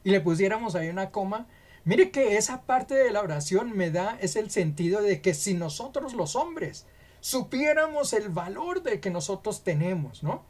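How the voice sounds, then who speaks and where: A man's voice: high voice, lively intonation, normal speed. A man with a Colombian accent teaching a Bible lesson on a church program, explaining step by step through examples and often checking in with a rhetorical question.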